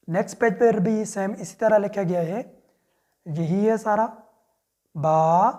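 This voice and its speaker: This is a man giving a screen-share lesson, talking at an unhurried, slow pace. His voice is soft and mellow, and he explains each step patiently. He drops English words in among the rest. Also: high-pitched. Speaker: Quran reading teacher.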